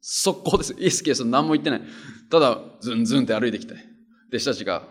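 A man's voice: mid-range voice, expressive, very fast, husky. A man preaching a conversational sermon and reading scripture aloud, earnest and plain-spoken, driving points home by repeating them. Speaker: pastor.

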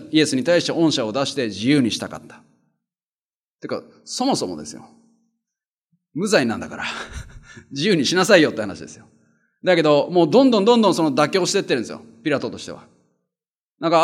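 A man preaches in a plain conversational tone, reading scripture passages aloud with more force. Between verses he drops into quieter, pointed asides and asks the listeners rhetorical questions. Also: medium pitch. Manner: colloquial, rhetorical questions, emphatic desu-yo endings. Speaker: pastor. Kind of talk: sermon reading scripture and explaining.

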